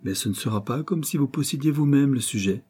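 Brief: a refined young lady, prim and indignant, read by a man with a husky voice. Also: medium pitch, expressive, brisk, warm tone, pitched above the performer's own voice.

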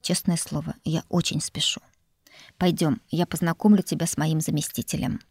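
A woman voicing a teasing, self-assured young male lord and teacher, speaking in an unhurried, mocking way. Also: low-pitched, fairly even intonation, a little mellow, slightly rough, dry recording, clean studio sound.

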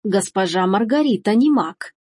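A woman voicing a shrewd, stern old grandmother who speaks in a calm, measured way. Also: mid-range voice, breathy edge, no echo, clean studio sound.

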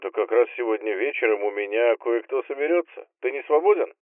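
A man's voice: medium pitch, expressive, fairly quick, dry recording, natural voice. A man reading an audiobook, voicing a cheerful, easygoing young man who jokes on the phone. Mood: breezy. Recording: tinny phone-line filter.

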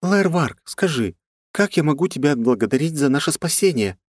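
A man's voice: a little fast, no echo, studio quality. A man voicing a proud, impulsive young noblewoman in an audiobook reading. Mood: earnest. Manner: high, excited voice.

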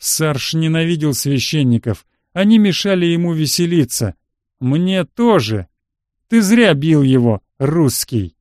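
A man voicing a drunk, threatening male paratrooper who speaks in a slow, menacing drawl. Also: a little high, very animated, a little mellow, no echo, studio quality.

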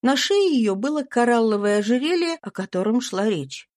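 Lady reading an old novel out loud, calm and even, kinda high voice. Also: normal speed. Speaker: audiobook reader. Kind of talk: scripted narration of a classic novel.

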